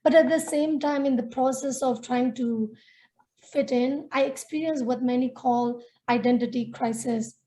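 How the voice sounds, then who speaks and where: Speaking as a panelist on a webinar video call, this woman shares her personal story in an earnest, reflective way with small restarts. Her voice is a little high with a dark tone. She comes from northern Shan State, Myanmar, and her native language is Nepali.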